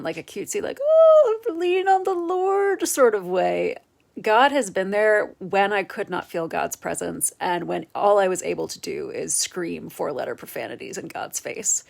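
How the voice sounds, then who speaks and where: A woman priest in her thirties speaks with candid earnestness. Her voice sits low and carries a gravelly edge. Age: 30s. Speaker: Episcopal priest. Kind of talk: personal reflective talk.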